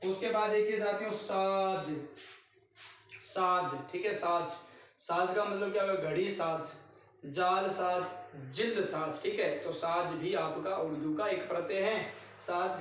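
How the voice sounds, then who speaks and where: A man's voice: sits high, recorded from a distance, a little hiss or hum. A man teaching a grammar lesson, repeating word lists and checking in with "theek hai" after each one. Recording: very echoey room, recorded from afar.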